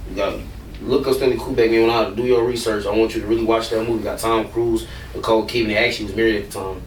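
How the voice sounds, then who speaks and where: A man's voice: fairly low pitch, fairly even intonation, quick pace, recorded from a distance, slight background noise. Blunt, rambling man in an echoey room. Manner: blunt, rambling, swears freely. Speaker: rapper. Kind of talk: casual interview talk.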